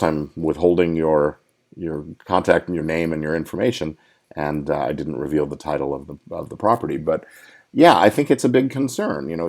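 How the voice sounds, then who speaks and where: A male entertainment lawyer with a deep, mellow voice hosts a podcast and gives casual live advice. He talks conversationally, thinking aloud and restarting his sentences.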